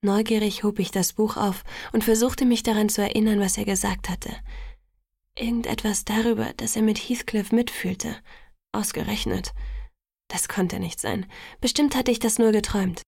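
A woman reads a first-person novel in a hushed, half-whispered voice. Her tone is gravelly with a little creak, and the close, dry recording has no room sound. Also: medium pitch, steady tone, moderate pace, no room sound. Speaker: audiobook narrator.

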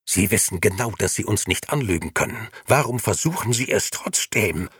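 Male reader doing stern cold judge of the grey men, storybook, sharp questions swinging up and down. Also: fairly low pitch, lively intonation, normal speed, slightly rough, no room sound, clean studio sound, heavily acted.

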